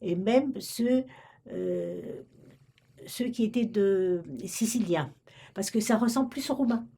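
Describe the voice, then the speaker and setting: Recalling her past for an oral history, this older Romanian woman, once a librarian, hesitates often, restarting and filling pauses. Her mid-range voice is sing-song, slow, dark, and husky.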